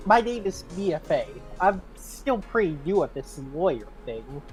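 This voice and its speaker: A woman voicing a young female rookie defense lawyer, earnest and nervous but determined, a little halting. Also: on the low side, sing-song, music in the background. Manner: earnest, halting when flustered.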